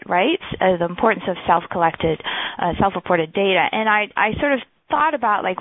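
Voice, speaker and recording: A woman in her forties from the Netherlands, giving a chatty webinar presentation with frequent ums and restarts. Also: mid-range voice. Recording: tinny phone-like line.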